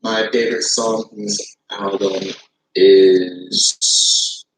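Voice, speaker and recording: A man's voice: low voice, little pitch movement, very slow. A man in an old video, hesitantly listing his favorite songs with many fillers. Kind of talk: casual music review. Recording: echoey room.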